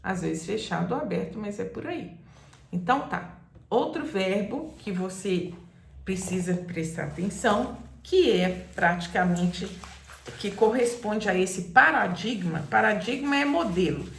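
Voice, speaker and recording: A woman teaching a grammar lesson, patient and repetitive, sometimes calling out words loudly to show the stressed syllable. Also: mid-range voice, expressive, unhurried, gravelly. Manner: patient, repeats examples, calls out words loudly to demonstrate stress. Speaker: Portuguese teacher. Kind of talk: slow explanatory grammar lesson. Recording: echoey room.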